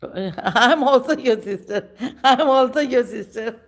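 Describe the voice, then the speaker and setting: A woman, chatting casually with viewers on a livestream in slow, halting speech with many pauses. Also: fairly high pitch, expressive. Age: 50s. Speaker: livestream host. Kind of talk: casual live chat with viewers.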